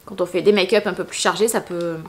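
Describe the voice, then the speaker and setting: A woman's voice: lowish voice, steady tone, quick pace, background noise. A young woman from France, chatting casually and enthusiastically as she unboxes beauty products for her vlog. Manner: chatty and enthusiastic, many fillers and little exclamations. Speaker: beauty vlogger.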